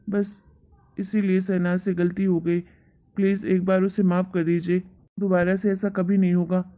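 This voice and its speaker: Someone voicing a soft, pleading young husband. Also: medium pitch, close to an everyday voice. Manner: calm, apologetic. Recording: dull lo-fi sound.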